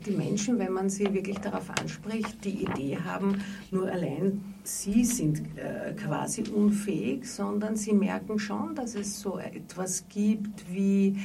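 A woman's voice: on the low side, creaky, mellow. A middle-aged woman psychotherapist, speaking thoughtfully and hesitantly, with many fillers, in a radio interview. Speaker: psychotherapist in private practice. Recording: distant mic with faint background noise.

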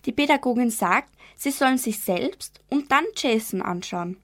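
A young woman reading a children's story aloud for radio in a calm, measured way. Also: fairly high pitch. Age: young adult. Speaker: narrator.

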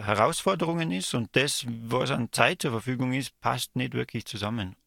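A man answering interview questions in a thoughtful, halting way, searching for his words. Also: mid-range voice, vocal fry, fairly bright tone, no room sound, studio quality. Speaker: interview guest, artist. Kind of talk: reflective interview talk.

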